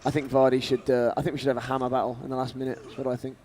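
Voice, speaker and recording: A man co-commentating a video game match, laughing often and getting excitable. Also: mid-range voice, rapid-fire, a little hiss or hum.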